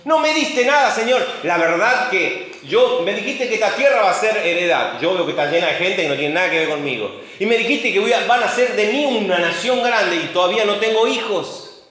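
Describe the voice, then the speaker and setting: A man's voice: high voice, expressive, a little fast, a bit bright, voice pushed up. A man voicing an aged man who complains to God in a pleading, aggrieved tone, heard in a very echoey room.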